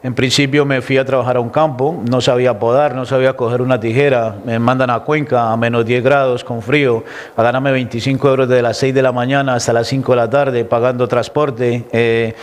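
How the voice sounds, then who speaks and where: A man's voice: medium pitch, level tone, brisk, smooth. A man from Colombia with a Colombian accent, a guest giving an emotional, reflective personal testimony in an interview. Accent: Colombian Spanish. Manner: emotional, reflective storytelling with many restarts.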